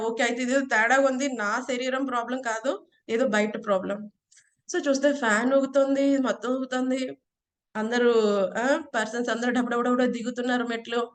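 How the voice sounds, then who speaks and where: A woman with a fairly high voice gives a devotional lecture. She talks in a chatty, humorous way and keeps checking in with her listeners. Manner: chatty and humorous, asks "right?" and laughs often. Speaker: devotional speaker.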